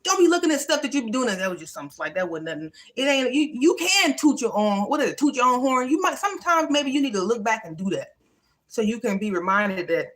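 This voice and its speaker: A woman's voice: on the high side, big pitch swings, quick pace, fairly bright tone. A woman hosting a livestream, giving a casual, emphatic motivational talk in a folksy, everyday way. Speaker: livestream host.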